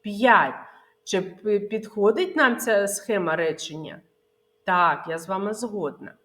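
A woman preschool teacher from Ukraine giving a literacy lesson to small children, saying words slowly and clearly, asking questions and answering them herself. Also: medium pitch, a bit bright.

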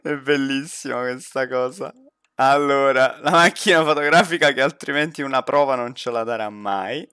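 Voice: medium pitch, normal speed, fairly bright tone, clear, resonant tone, no room sound, studio quality. A streamer giving casual, jokey commentary while playing a horror game with a friend, laughing often. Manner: chatty, laughs often, jokey banter with a teammate.

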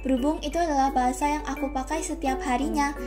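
A teenage girl from Central Java speaks in a high, bright voice with a Central Javanese Indonesian accent. She chats warmly and directly to her viewers, answering questions while she journals. Clear music plays behind her throughout. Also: steady tone, fast talker. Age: teens. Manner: friendly, chatty, addresses viewers directly. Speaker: journaling YouTuber. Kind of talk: casual Q&A voice-over while journaling. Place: bright room with shelves of stationery. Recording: voice over background music.

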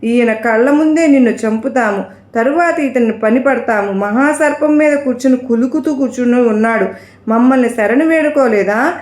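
A woman's voice: a little high, moderate pace, darkish tone, close to an everyday voice. A woman voicing two boastful male demons who taunt and jeer, recorded in an echoey room. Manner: taunting, jeering.

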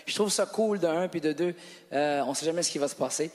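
Teasing comic working the crowd. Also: male voice, a little high, a little fast, a little mellow. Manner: teasing, playful banter with the audience. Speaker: stand-up comedian. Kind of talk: stand-up crowd work. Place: large theatre stage with live audience. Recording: live hall with audience, long reverb.

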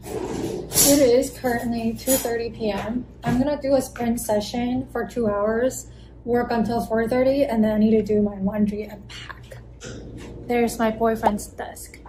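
A woman in her twenties from Taiwan, talking casually through her work day in a vlog, with a relaxed manner and frequent "like". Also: a little high, noisy background. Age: 20s. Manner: relaxed, uses "like" often. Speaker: business analyst vlogger. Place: apartment home office, indoors. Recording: background music under voice.

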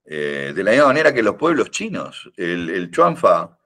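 Deep-voiced and a bit bright, this older karate teacher speaks at normal speed with very animated delivery as a podcast guest. His Rioplatense Spanish accent comes through as he rambles casually, full of fillers and restarts, teasing as he goes.

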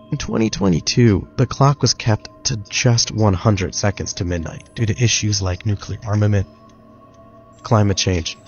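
A man reading a scripted narration in a measured, even way. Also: fairly low pitch. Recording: dull lo-fi clip with faint music.

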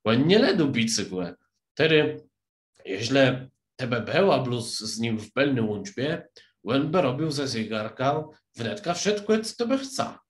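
A man voicing an eccentric, rambling hatter who lectures excitedly about time. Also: mid-range voice, voice pushed up. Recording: roomy echo.

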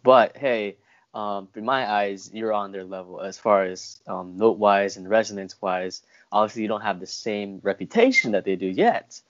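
A young man with a lowish voice hosts a casual interview over a video call from a room at home, talking at a normal speed in an informal, somewhat hesitant way. He's using a wired earphone mic, and the video-call audio sounds dull and muffled.

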